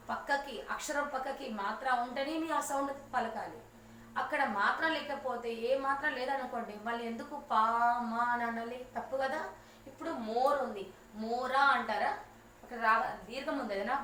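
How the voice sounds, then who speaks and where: Her voice is a little high with a sharp edge, carrying a slight hiss or hum. She's a teacher giving an online lesson to young kids, patiently repeating and spelling each word, recorded far from the mic in an echoey room with faint ambience.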